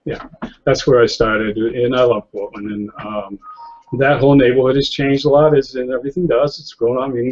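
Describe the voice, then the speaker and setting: Brief: middle-aged man, New England-raised photographer, mid-pitched, meandering and filler-heavy, muffled webcam call audio. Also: a little mellow. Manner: rambling, many fillers and restarts, chuckles often. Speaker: guest photographer. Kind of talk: casual interview conversation. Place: indoor room, seated in office chair. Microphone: webcam on a video call. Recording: slightly lo-fi video call audio.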